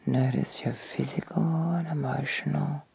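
Woman doing asmr guided meditation, whispery and soft dark tone, bit creaky, long pauses. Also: low voice, steady tone. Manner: slow, deliberate, repetitive phrasing with long pauses.

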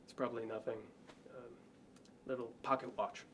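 A man's voice: mid-range voice, flat delivery, normal speed, fairly bright tone, a little hiss or hum, close to an everyday voice. A man in his thirties playing a fussy, hesitant crime-scene doctor in a noir detective film, precise and hedging.

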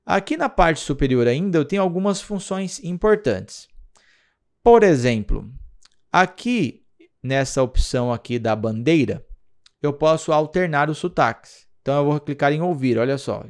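Brazilian male teacher, somewhat high voice, patient tutorial delivery. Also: expressive, moderate pace. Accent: Brazilian Portuguese. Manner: patient, explanatory, checks in with "tá?" and "olha só". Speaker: English teacher. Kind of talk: screen-recorded app tutorial.

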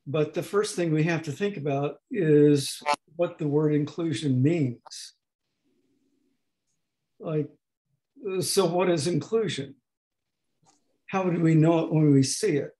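An American professor emeritus in his eighties gives a slow talk over a video call from a desk at home, picked up by his webcam. His voice is hoarse, gravelly, and not fully distinct, sitting on the high side with a warm tone. He often pauses and restarts.

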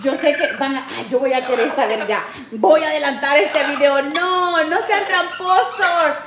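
A woman hosting a parrot channel, chatting excitedly to viewers and coaxing her birds, singing and laughing. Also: high-pitched, a little slow. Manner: playful, coaxing, sings and laughs often. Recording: echoey room with faint noise.

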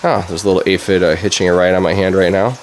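A man in his thirties giving a relaxed, chatty walkthrough as host of a DIY channel, with plenty of fillers. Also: sits low, very fast, slight background noise. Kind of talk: casual walkthrough vlog. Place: basement grow room under pink grow lights; garage workshop, indoors.

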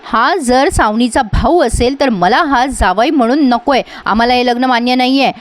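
A woman's voice: a little high, moderate pace, no echo, lightly acted. A woman retelling the firm, disapproving lines of a stern middle-aged woman in a TV serial.

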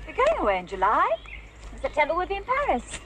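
A woman's voice: high voice, huge pitch swings, fast talker, fairly bright tone, exaggerated voice. An actress playing a possessive, hostile woman in a horror film, curt and stern. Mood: firm. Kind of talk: film acting. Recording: noisy film soundtrack, outdoor birdsong.

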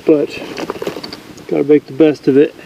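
A man in his thirties talking casually and haltingly to a camera outdoors, his voice stuffy and nasal as if his nose is blocked. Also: fairly high pitch, little pitch movement, vocal fry, dull audio, slight background noise. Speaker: solo outdoor vlogger. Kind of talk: low-key casual talk to camera. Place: outdoors at night in a desert canyon by a campfire.

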